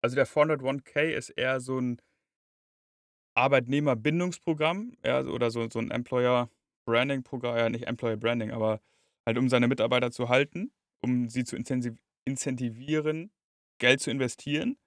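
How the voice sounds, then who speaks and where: A man chatting casually as an interviewer, colloquial and quick to chime in with agreement. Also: mid-range voice, fairly even intonation, dry recording, clean studio sound. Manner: colloquial, reacts with short affirmations. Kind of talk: casual chat.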